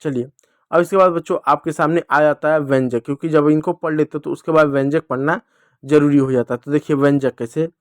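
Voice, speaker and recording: Guy teaching kids to read, slightly high voice, stretches out each sound, dry close sound. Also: steady tone, no echo. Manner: slow, drawn-out sounding of letters; addresses children directly, repeating questions. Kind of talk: children's reading lesson.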